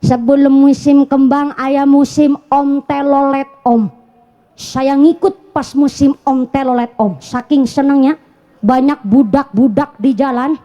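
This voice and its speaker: A woman preacher with a Banyumasan Javanese accent delivers a humorous sermon in a high, mellow voice. She takes her time, spinning stories and asking the audience rhetorical questions. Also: steady tone, a little slow.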